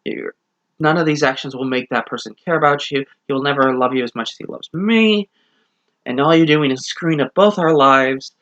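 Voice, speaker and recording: A man's voice: medium pitch, moderate pace, fairly bright tone, muffled recording, natural voice. A man voicing a bossy, demanding popular teenage girl who has become a ghost, speaking with an exasperated, pushy edge.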